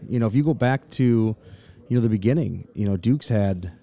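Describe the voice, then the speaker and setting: Talking fairly quickly in a low-leaning, mellow voice, this Michigan man in his forties works as a fight matchmaker. He's talkative in the interview, leaning heavily on fillers like "you know."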